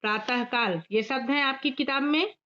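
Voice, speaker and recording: A woman teacher giving a grammar lesson to pupils, repeating key points slowly and addressing the class directly. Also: sits high, bright, forceful tone, muffled recording. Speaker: school teacher.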